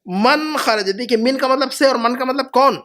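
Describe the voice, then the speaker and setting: Male language teacher, very high pitch, patient, slow repetitions for the class. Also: sharp tone. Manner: patient, repeats phrases slowly for students. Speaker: Arabic teacher. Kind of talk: classroom lesson.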